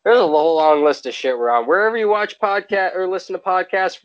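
A man's voice: sits high, quick pace, no echo. A man co-hosting a podcast in casual, conversational talk. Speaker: podcast co-host. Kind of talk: casual chat. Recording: dry, slightly muffled mic.

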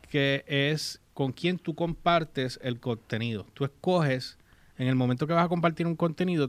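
A man's voice: a little high, no echo. Chatty man hosting a casual talk. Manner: chatty, reads English text aloud, mixes English words. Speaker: host. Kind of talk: casual chat.

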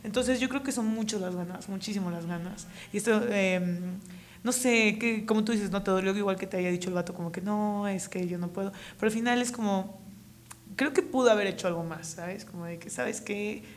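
A young woman with a Mexican accent co-hosting a podcast, talking in a lively, slangy way and laughing often. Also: medium pitch, a little fast, slight background noise. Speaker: podcast co-host. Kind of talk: casual chat.

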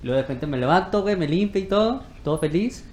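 Animated young Mexican man telling a story. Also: high-pitched, quick pace, echoey room. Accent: Mexican Spanish. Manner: animated, crude slang, laughs through his story. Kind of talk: casual storytelling chat.

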